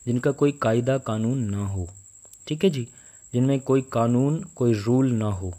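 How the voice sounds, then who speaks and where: A man's voice: medium pitch, unhurried, dark tone. A man teaching English grammar in a patient, explanatory way, repeating each point and checking that students follow.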